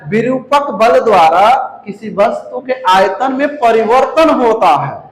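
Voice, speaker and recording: A man with a very high voice teaches a physics class in a roomy space that echoes. He speaks with a touch, keeps repeating key terms and quizzing students. He calls the students "babu". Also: animated, measured pace. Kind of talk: classroom lecture. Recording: echoey room.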